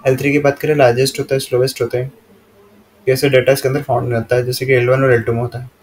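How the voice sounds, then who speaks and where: An Indian man teaches from slides in a plain, even voice that hardly rises or falls. He reads each English line slowly, then explains it at a steady classroom pace. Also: mid-range voice, slight background noise.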